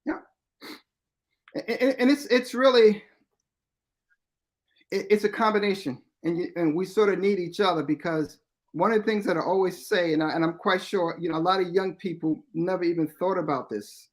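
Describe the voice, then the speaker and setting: A man's voice: sits high, normal speed. Earnest man in his fifties. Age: 50s. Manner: earnest and explanatory, repeating key points for emphasis. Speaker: radio show guest. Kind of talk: casual radio talk-show chat.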